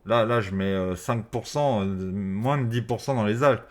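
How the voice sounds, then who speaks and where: Slangy low-voiced man talking through a face mask. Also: moderate pace. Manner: informal, slangy, swearing. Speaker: crypto trading video host. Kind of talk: casual off-the-cuff market commentary to viewers.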